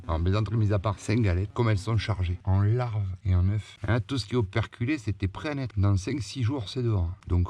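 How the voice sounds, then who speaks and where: Man from France doing wasp and hornet removal outdoors, joking running commentary, talks to the insects and the camera, middle pitch, slight outdoor noise. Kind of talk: casual running commentary while working. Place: outdoors at a house.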